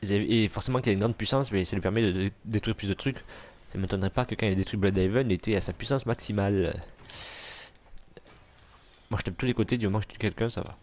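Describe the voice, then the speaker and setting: A man's voice: lowish voice, quick pace, a little mellow. A man casually commentating a superhero video game, joking, swearing and talking back to enemies on screen. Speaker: gamer commentating gameplay. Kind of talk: let's play commentary.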